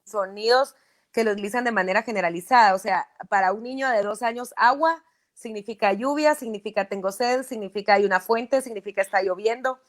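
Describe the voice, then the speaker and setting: Patient woman explaining calmly. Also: mid-range voice, brisk. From Guatemala. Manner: patient, explanatory, with frequent "¿verdad?" checks. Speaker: speech therapist. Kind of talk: interview, explaining.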